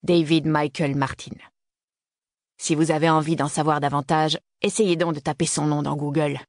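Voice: mid-range voice, flat delivery, moderate pace, dry recording, clean studio sound, natural voice. A reader voicing Frank, a stern graying father. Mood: grim. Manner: clipped, peremptory delivery. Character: stern graying middle-aged father, curt and commanding. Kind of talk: audiobook character reading.

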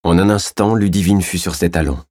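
Measured male storyteller with a very deep, husky voice and a dry, close sound. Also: fairly even intonation, darkish tone, no echo. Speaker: audiobook narrator. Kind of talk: scripted narration.

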